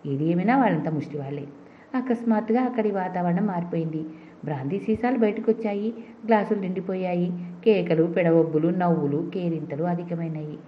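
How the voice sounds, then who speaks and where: A woman reading a storybook aloud in a steady way, with small restarts now and then. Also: medium pitch. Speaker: audiobook narrator. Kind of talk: storybook narration. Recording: dull lo-fi recording.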